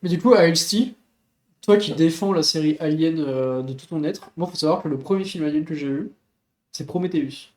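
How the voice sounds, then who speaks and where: A man's voice: fairly high pitch, moderate pace, echoey room. A man co-hosting a casual live-stream debate, talking in a rambling, hesitant way with many fillers. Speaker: co-host.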